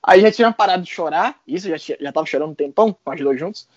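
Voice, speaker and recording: A man with a Brazilian Portuguese accent, an interview guest telling a personal story in a casual, animated way with frequent laughs and slang. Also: a little high, rapid-fire, no echo. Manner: animated, laughs often, mixes in colloquial slang. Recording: dull lo-fi sound.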